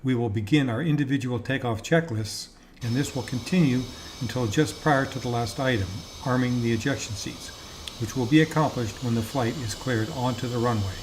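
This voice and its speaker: A man giving measured, methodical and formal scripted instruction as a flight simulator teacher. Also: medium pitch, background noise.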